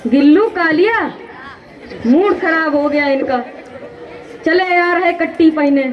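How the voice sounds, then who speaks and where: Girl doing a bossy judge in a school skit, really high voice, yelling orders, kinda dull sound w/ audience faint behind. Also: slow pace, some chatter behind. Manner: scolding, commanding, theatrical. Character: stern bossy judge, impatient and blustering. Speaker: student actor in a school skit. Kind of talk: school stage comedy skit. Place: school stage before an audience.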